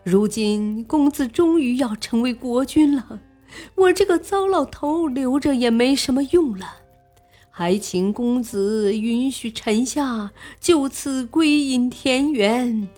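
A woman voicing a tearful old male courtier who pleads slowly to retire, in a storybook reading. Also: on the high side, darkish tone, pitched above the performer's own voice. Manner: slow pleading lament.

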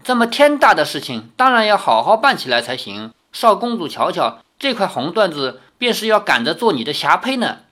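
A man voicing an eager palace servant woman in an audiobook, pitching up high and loud. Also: fairly quick, few pauses, full character voice. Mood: excited. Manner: loud and excited.

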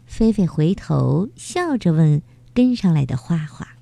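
Slow, lively woman telling a kids' story. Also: low voice, gravelly, no room sound. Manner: slow, gentle, expressive. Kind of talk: children's story narration.

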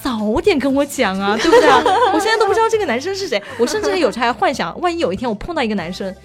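A woman's voice: high-pitched, very animated, very fast, loud music behind the voice. A woman co-hosting a casual chat show, telling childhood stories with many restarts and giggles. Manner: chatty storyteller, lots of restarts and giggles. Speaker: radio show co-host.

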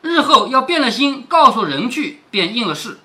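A man's voice: extremely high pitch, sing-song, moderate pace, sharp tone, voice pushed up, full character voice. A man voicing a cold, proud young swordsman who sneers and barks orders at a bully he is punishing. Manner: sneering, commanding.

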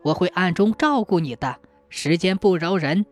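A woman voicing the tall ghost of a dead man who returns to repay a kindness, speaking softly and reassuringly. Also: on the low side, expressive, moderate pace, natural voice. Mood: gentle urging. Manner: soft, coaxing, reassuring.

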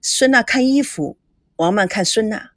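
A woman narrating an audio drama in an expressive, animated way. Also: a little high, normal speed, no room sound, clean studio sound. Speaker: storyteller.

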